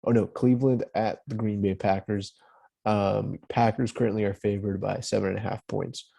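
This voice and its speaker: A man's voice: lowish voice, steady tone, normal speed, creaky, mellow, husky. A young man co-hosting a casual podcast, teasing his friend and laughing often. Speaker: podcast co-host. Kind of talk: casual chat.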